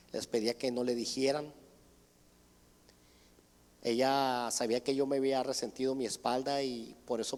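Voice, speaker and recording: A man giving an earnest church testimony, retelling conversations with his mother and others. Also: medium pitch. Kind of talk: sermon testimony. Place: church hall. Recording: church hall reverb.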